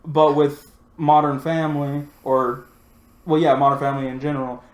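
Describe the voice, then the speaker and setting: A man's voice: on the high side, flat delivery, moderate pace. A man on a podcast, chatting casually and rambling a bit, with many "like"s and "um"s. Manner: easygoing, rambling, uses fillers like "like" and "um". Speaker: podcast co-host. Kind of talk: casual chat. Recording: roomy echo.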